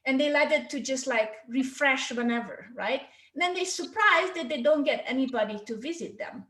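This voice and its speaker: This is informal online teaching: a Hungarian woman, her accent clear, presents a marketing workshop in a high, fairly bright voice at a moderate pace. The sound is reverberant, and she keeps the tone conversational, often asking "right?" or "okay?" to check on listeners.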